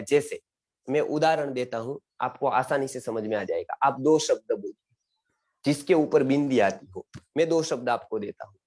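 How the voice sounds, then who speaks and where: A man's voice: fairly high pitch, darkish tone. A man teaching a Sanskrit class online, earnest and exhortative, often repeating questions to his students. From India.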